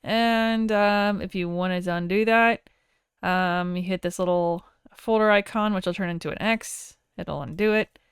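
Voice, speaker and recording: A woman teaches audio software in a casual screen-share tutorial, conversational, informal and enthusiastic about her tools. Her mid-range voice is clear and resonant, recorded dry at studio quality.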